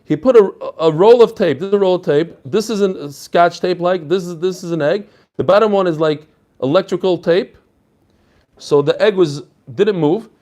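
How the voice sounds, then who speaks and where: A man's voice: high voice, moderate pace, a little mellow. A man giving an informal religious lesson as a rabbi, explaining conversationally and posing rhetorical questions. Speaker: rabbi teaching a daily Talmud class.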